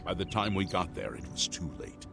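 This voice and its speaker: A man's voice: low voice, sing-song, a little fast, vocal fry, bright, forceful tone, soft background music, full character voice. A man voicing a gossipy town guard in a video game, speaking in an insinuating, suggestive way. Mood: sly.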